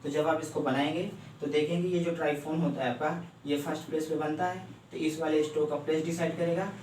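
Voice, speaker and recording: A man teaching a shorthand lesson step by step, often stopping to ask if it is clear. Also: fairly high pitch, fairly even intonation, a little fast, darkish tone, a little hiss or hum. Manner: explains step by step, keeps checking "clear?". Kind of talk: classroom lecture. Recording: echoey room, mic far off.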